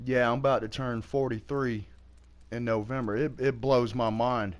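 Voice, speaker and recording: A laid-back man in his early forties rambles on casually, swearing freely. His voice sits at an ordinary middle pitch, and his talk is loose and unhurried. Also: fairly even intonation. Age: 40s. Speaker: streamer. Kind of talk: casual chat while gaming.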